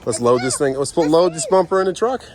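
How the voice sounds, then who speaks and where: A man's voice: fairly high pitch, fast talker, a crowd in the background. A man in his thirties, a trucker vlogger, talking casually to camera as he explains a job on his truck. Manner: easygoing, thinking aloud while working. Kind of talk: casual family vlog and how-to talk.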